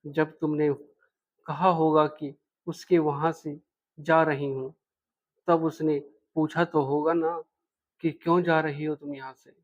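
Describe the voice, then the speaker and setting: A man's voice: fairly high pitch, little pitch movement, takes it slowly, long pauses, dull audio. A man voicing a shy young man. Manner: hesitant, soft-spoken.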